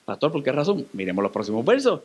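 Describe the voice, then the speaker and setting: A male pastor with a Puerto Rican accent, preaching a sermon in a church with dramatic, animated storytelling. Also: fast, slightly rough. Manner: dramatic, animated storytelling with sudden pitch swings.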